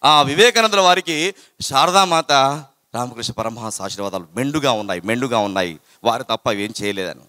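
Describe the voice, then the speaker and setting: A man giving an animated storytelling talk to students, repeating phrases and chanting verses. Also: medium pitch, brisk, no room sound, clean studio sound. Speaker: motivational speaker to students.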